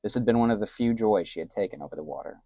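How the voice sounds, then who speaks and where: A man with a very low, deep voice reads an adventure tale in a soft, hushed storytelling manner. His voice sits close and dry, with almost no room sound around it. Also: expressive, rapid-fire, no room sound, highs cut off, faint music behind. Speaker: narrator. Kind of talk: soft-spoken story narration.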